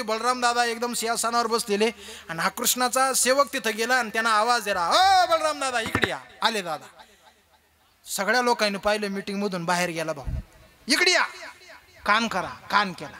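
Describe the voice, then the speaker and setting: A young man preaching a kirtan with a Marathi accent, telling stories and acting out the characters' voices for a live audience. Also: very high voice. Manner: animated, acts out characters' voices, jokes with audience. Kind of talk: kirtan sermon with storytelling.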